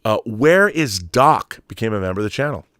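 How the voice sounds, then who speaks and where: Speaking a little fast, an American livestream host uses a lowish, expressive, fairly bright voice while reading viewer comments. His casual, opinionated monologue rambles and repeats phrases emphatically, and the recording is dry and studio quality.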